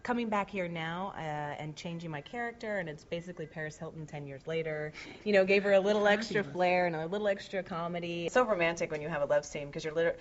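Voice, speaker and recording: A woman's voice: fairly low pitch, fast. A woman in her thirties, an actress, chatting casually and giggling as she gives a tour backstage at a television studio. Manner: chatty and giggly, with playful asides. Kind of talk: casual guided tour chat. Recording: slightly dull web video audio.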